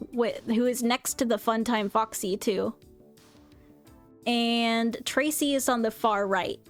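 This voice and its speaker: A woman streamer chatting casually and rambling, with lots of fillers and restarts. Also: fairly high pitch. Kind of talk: casual chat recounting a convention.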